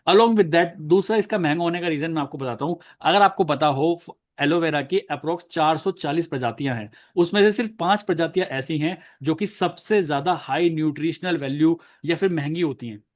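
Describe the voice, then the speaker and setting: A young man in his twenties who trains network marketers speaks a little high and a little fast, with few pauses. In this role-play sales training he first plays a doubtful customer, then turns to coach viewers directly and with animation on how to answer such a person.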